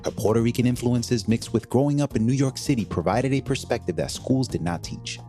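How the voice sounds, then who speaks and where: A man's voice: medium pitch, a little fast, warm tone, soft background music. A man hosting a podcast, speaking earnestly and dropping in Spanish phrases as he introduces his guest. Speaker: podcast host. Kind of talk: scripted podcast introduction and interview.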